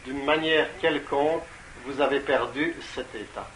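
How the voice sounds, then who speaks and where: An interpreter translates a spiritual talk consecutively into French in a medium-pitched, slightly bright voice at an unhurried pace, on a rough recording. He's hesitant, often stopping on fillers and repeating words.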